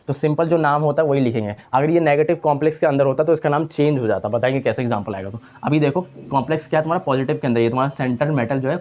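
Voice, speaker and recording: A man's voice: mid-range voice, darkish tone. Casual Hindi-speaking man teaching chemistry. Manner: casual, repeats key terms, asks and answers own questions. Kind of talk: online lecture.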